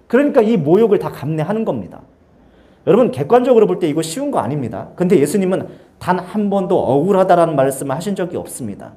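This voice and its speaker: A man delivers a lively youth sermon in a church, his voice sitting high and swinging widely in pitch. He tells the story with sound effects and acted-out lines, in a mellow, warm tone. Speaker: youth pastor.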